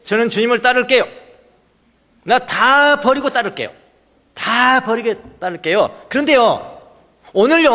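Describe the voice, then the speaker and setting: A man's voice: very high voice, bright, forceful tone, voice pushed up, full character voice. A man doing an eager, pleading young disciple. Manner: pleading, drawn-out. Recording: long church hall reverb.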